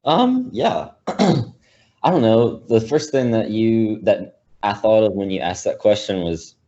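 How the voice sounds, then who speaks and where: A man's voice: on the low side, expressive, a little slow, warm tone, muffled recording. A young man in casual film discussion, talking hesitantly with many fillers and restarts. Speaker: college student panelist.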